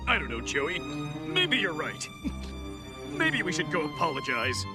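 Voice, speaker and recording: A heroic cartoon superhero puppet, bossy and blustering, barks out orders. His voice sits high and is very animated. Loud music plays behind him. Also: slow, exaggerated voice. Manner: blustering, commanding.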